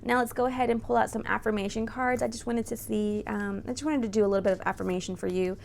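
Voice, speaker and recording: A woman's voice: a little high, steady tone, quick pace, gravelly, darkish tone, slight background noise. A woman giving a casual, chatty tarot reading to viewers as host, speaking close to the microphone. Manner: informal, chatty, often checking in with "right?" and "you know". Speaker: tarot reader and channel host.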